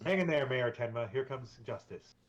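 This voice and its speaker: A man's voice: mid-range voice, normal speed. A man casually chatting and joking while playing a game with a friend. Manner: animated, joking, reads lines aloud. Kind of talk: casual co-op gaming chat. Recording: dull lo-fi with faint game music.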